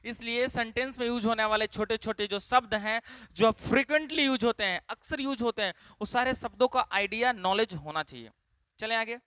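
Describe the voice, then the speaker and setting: Male classroom teacher, high and bright, emphatic drilling delivery, dry close sound. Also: clean tone, no echo. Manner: repeats questions to drill students; emphatic, stretches key words slowly. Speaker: English teacher. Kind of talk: classroom lesson in Hindi.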